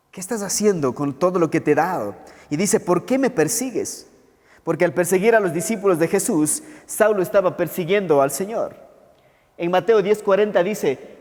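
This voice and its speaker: Male pastor, slightly high voice, sermon delivery built on rhetorical questions, recorded in a reverberant church hall. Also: a little mellow. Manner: preaching with rhetorical questions, slowing for quoted words.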